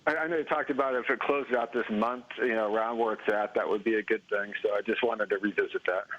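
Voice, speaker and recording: A man's voice: on the low side, fairly even intonation, fast, a little hiss or hum. A man calling in over the phone to a talk show, chatting casually and loosely with fillers. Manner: easygoing, loose phrasing with fillers. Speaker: caller. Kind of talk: casual call-in chat. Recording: muffled phone line.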